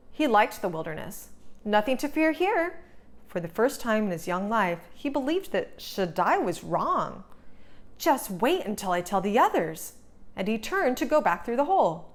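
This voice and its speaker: Reading a children's storybook aloud, a woman tells the tale in a dramatic, expressive style. She has a mid-range voice and keeps a moderate pace.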